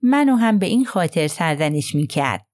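A woman's voice: fairly low pitch, very animated, darkish tone, no room sound, clean studio sound. A woman voicing a gossipy middle-aged nurse who talks in a hesitant, confiding way.

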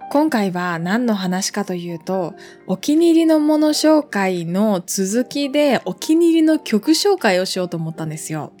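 A woman's voice: medium pitch, sing-song, measured pace, few pauses, warm tone, soft background music. A woman in her twenties hosting a casual solo podcast, chatting in a rambling way with lots of fillers and asides. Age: 20s. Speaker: podcast host.

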